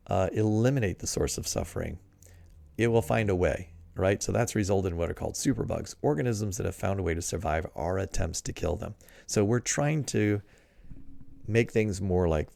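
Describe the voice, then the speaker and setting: Deep gravelly-voiced man thinking aloud. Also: no room sound. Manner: thinks aloud with fillers and rhetorical "right?"; drops into a quieter voice at points. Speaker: science commentator reading and critiquing an article. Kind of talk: casual explanatory commentary.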